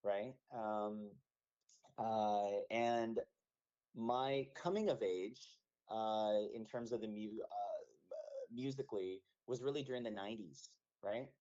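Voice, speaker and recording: A man's voice: on the low side, slow pace, dark tone. A man in his thirties from Canada, a musician being interviewed on the radio, talking thoughtfully with many fillers and restarts. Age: 30s. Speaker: musician guest. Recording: dull lo-fi radio audio.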